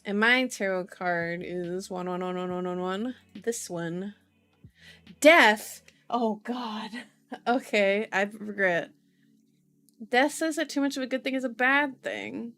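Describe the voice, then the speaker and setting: The voice is a woman's, mid-range and a bit bright, recorded without echo. She hosts a casual livestream reading tarot and horoscopes, chatting and thinking aloud as she reads cards out, with many drawn-out words.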